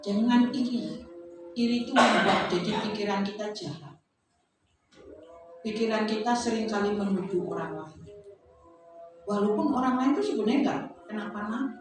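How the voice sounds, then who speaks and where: A woman preacher, giving a conversational sermon at a church service in a lively, chatty way, full of tag questions. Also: medium pitch. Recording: very echoey, noisy church hall from far off.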